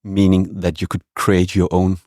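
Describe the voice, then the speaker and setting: A man's voice: deep voice, completely flat delivery, normal speed, darkish tone, dry recording, clean studio sound. A man from Denmark, a guest musician, answering interview questions casually and hesitantly, with many restarts.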